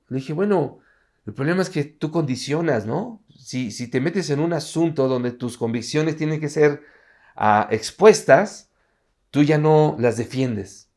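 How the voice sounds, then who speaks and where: A man's voice: mid-range voice, vocal fry, a little mellow. A man preaching a sermon at an online Sunday service. He talks in a conversational way and keeps asking his listeners rhetorical questions.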